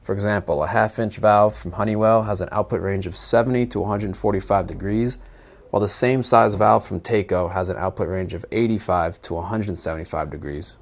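In a clean studio recording, a twenty-something product presenter explains a plumbing product for an explainer video. His voice sits a little low with a creaky quality, and he speaks a little fast in a plain, instructional way.

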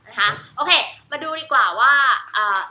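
A woman's voice: high-pitched, moderate pace, sharp tone, reverberant. A woman teacher giving a cheerful lesson on baby sign language, demonstrating each sign while repeating English words. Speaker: homeschool teacher.

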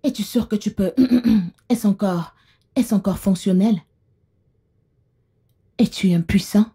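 A scheming older mother-in-law, voiced by a woman in a film dub, who hints at things she won't name outright. Her voice is raspy and breathy, low and mellow in tone. She draws out every word slowly. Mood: prying. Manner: insinuating, coy about blunt topics.

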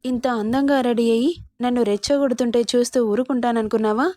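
A woman's voice: fairly high pitch, fairly even intonation, fast talker, warm tone, no echo, studio quality, close to an everyday voice. A woman voicing a short-tempered young husband who speaks curtly in a storybook romance. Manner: curt, cold.

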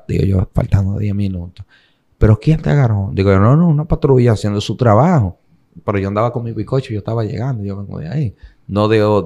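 A young man with a Dominican accent from the Cibao region, telling his story as an interview guest and acting out what others said. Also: on the low side. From Dominican Republic. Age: young adult. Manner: animated retelling, acting out the voices of others in quotes.

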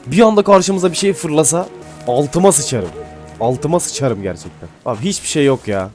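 A man giving casual gameplay commentary, excitable and swearing casually, then dropping to mumbling asides. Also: fairly high pitch, normal speed. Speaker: gaming YouTuber. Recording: faint music behind.

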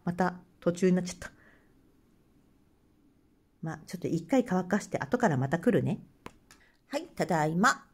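A woman's voice: lowish voice, very animated, moderate pace, long pauses, slightly rough. A woman with a Hokkaido Japanese accent, hosting a craft channel and chatting casually while she works, laughing often and murmuring to herself. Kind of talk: casual craft tutorial chat.

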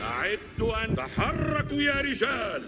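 Resolute commander, high voice, drawn-out rallying, video game lines, very noisy. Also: male voice, sing-song. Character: male military leader rallying his men, resolute. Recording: very noisy game battle sounds.

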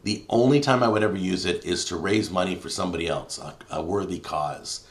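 A deep-voiced man hosting a live stream from a home studio. He talks in a loose, opinionated way, pushing hard on some words and then dropping to a mutter as he scrolls through viewer comments. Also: brisk. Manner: opinionated, emphatic, swings between loud and muttering. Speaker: YouTube cooking show host.

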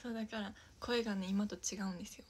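This young Kansai-accented woman streams as an idol, talking fast in a mid-range, slightly rough voice with a darkish, steady tone. Her chat is casual, broken up by frequent giggles and whispered asides, and she names individual viewers as she thanks them.

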